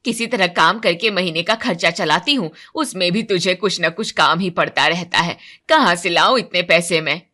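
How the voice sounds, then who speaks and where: A woman voicing a short-tempered housemaid mother, grumbling and scolding in a lowered, louder voice. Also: normal speed, few pauses. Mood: irritated. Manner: irritated, scolding.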